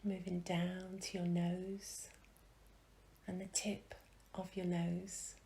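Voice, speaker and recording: Speaking in a fairly low, gravelly voice with little pitch movement, a woman gently leads a meditation. Soft phrases fade to a whisper, followed by long pauses.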